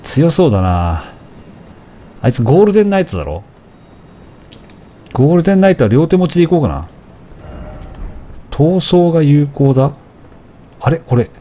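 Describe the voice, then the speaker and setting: Animated man doing game commentary. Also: on the high side, normal speed, pauses often. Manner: animated, taunts enemies, shouts at the game. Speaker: let's play commentator. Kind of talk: casual gameplay commentary.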